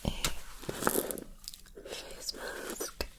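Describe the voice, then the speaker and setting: Slow, soft spa whisper role-play, woman. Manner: gentle, attentive personal-care instructions. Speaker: spa facial therapist in ASMR role-play.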